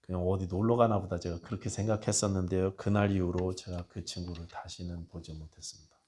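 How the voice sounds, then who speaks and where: A man's voice: low-pitched, steady tone, fast talker, a little hiss or hum. A man preaching a sermon as pastor, telling a personal story and pleading with his congregation. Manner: storytelling, dropping to a hushed voice for tender quotes and rising to loud appeals.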